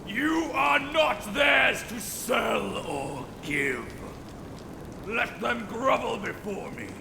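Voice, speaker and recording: Here the same British man's proud, ancient dragon lord erupts in roaring fury, his low, gravelly voice commanding and formal, heavy with haughty archaic wording and righteous anger. The performance is heavily acted with lively intonation over a noisy background. A long echo and cavernous reverb fill the space.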